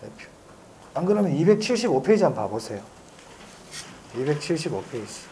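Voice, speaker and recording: A man teaching an exam-prep lecture, drilling students with rapid back-and-forth questions and slowly stretching out key phrases. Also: a little high, very animated, mellow, slight background noise.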